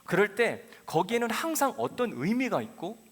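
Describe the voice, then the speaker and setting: Animated man preaching a story sermon. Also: sits high, moderate pace. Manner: animated storytelling, acting out quotes. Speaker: pastor. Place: church sanctuary. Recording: reverberant church hall.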